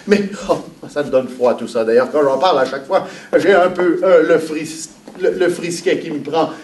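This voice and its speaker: A man's voice: a little high, normal speed, natural voice. Kids' stage pirate, a man acting, boastful and playful, Québécois accent, mic distant, room noise behind. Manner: animated, playful, talks to the children. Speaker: children's entertainer. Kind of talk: live children's stage show. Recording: echoey hall, mic far off, background noise.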